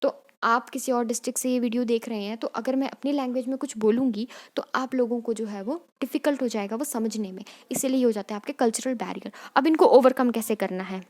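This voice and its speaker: Young female teacher, slightly high voice, patient explanatory lecture style. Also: fast talker, few pauses, darkish tone. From Kangra district, Himachal Pradesh, India. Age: young adult. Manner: explanatory, repeats "theek hai" often, mixes Hindi and English. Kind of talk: exam-prep lecture.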